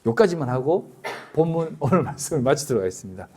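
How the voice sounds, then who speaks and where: Husky-voiced pastor with very lively pitch. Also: male voice, fast talker. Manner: storytelling with lively acted-out quotes and laughter. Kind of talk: sermon.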